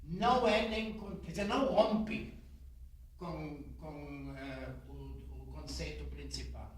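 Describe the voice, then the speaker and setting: A man lecturing, defining his terms deliberately and repeating them, heard on an old worn cassette tape recording. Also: fairly high pitch, slight background noise. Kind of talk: lecture on music terminology. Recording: old cassette tape, echoey hall, mic far off.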